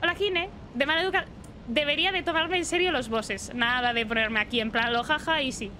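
A woman's voice: high voice, fairly quick, pushed and bright, a little hiss or hum. A young woman giving playful live gameplay commentary, chatting to the enemies and yelping and swearing when she is hit. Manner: playful, talks to the game boss, frequent startled yelps and swearing. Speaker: streamer. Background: game music.

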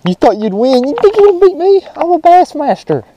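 Young man, lively excitable pond-fishing vlogger, action-cam mic, faint outdoor noise. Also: very high-pitched, fairly quick, lo-fi sound. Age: young adult. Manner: excitable, shouts with joy over big catches. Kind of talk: casual vlog narration while fishing. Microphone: chest-mounted action camera.

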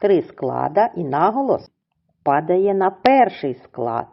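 A woman teacher with a Ukrainian accent gives a children's lesson, explaining slowly and deliberately and breaking words into syllables. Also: on the low side, sing-song, creaky, dull audio.

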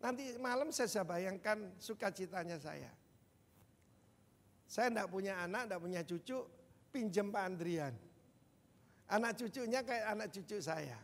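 An older man preaching a sermon as senior pastor, animated, with sudden loud bursts, and he keeps addressing the congregation directly. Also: high voice, unhurried, pauses often. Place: large church hall. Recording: long church-hall reverb.

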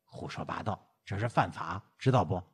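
Man doing a gruff, stern old grandfather. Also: low-pitched, moderate pace, voice pushed down. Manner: gruff, curt. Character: elderly grandfather, stern and scheming.

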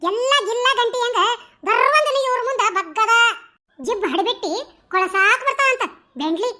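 A woman's voice: very high voice, expressive, normal speed, pushed and bright, full character voice. A woman voicing a scolding, gossipy village mother-in-law with a North Karnataka accent. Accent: North Karnataka Kannada.

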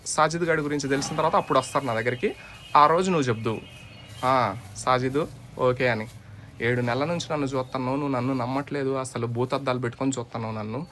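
A man's voice: fairly high pitch, a bit bright. A man doing comic banter in a playful, teasing, mock-indignant way, with faint background noise. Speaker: comic vlogger.

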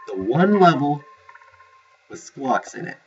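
Guy chatting over a platformer, pitch jumping all over, a bit dull and lo-fi, game music loud behind him. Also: sing-song, slow. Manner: chatty, self-mocking, reacts loudly to the game. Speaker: let's play commentator. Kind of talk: casual gameplay commentary.

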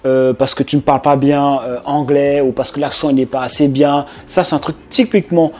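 Addressing viewers directly, a French man who works as a business coach gives informal video commentary full of fillers and false starts. He speaks fairly quickly at medium pitch, his tone steady and a little mellow, over slight background noise.

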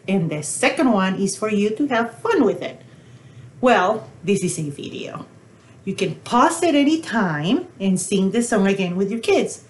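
A woman librarian leading a pre-recorded baby story time with songs and rhymes, talking in a slow, sing-song, encouraging way to toddlers and counting in Spanish now and then. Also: mid-range voice. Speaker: children's librarian. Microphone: pre-recorded video.

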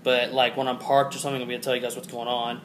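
A man's voice: mid-range voice, little pitch movement, very fast, a bit bright, slight background noise. A man, from Georgia, chatting casually and rambling upbeat into a handheld camera for his vlog. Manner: rambling, upbeat, repeats himself. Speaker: vlogger.

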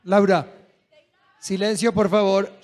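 High-voiced playful quiz host man. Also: fairly even intonation, slow pace, a little mellow. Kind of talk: game show quizzing.

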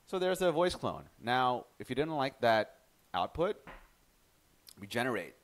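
A man hosting a casual software tutorial, chatty and relaxed, often restarting his sentences. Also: medium pitch, unhurried. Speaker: tutorial host.

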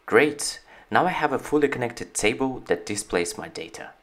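Speaking at a medium pitch and a normal speed, a company founder walks through his product in a voice-over for a screen-recorded software tutorial. The delivery is steady and explanatory.

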